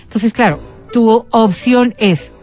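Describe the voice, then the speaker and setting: A woman speaks as the guest expert on a talk show, laying out her points in a measured way and drawing out the words that matter. Her voice sits fairly high. Faint music plays underneath. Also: darkish tone. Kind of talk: explanatory talk show discussion.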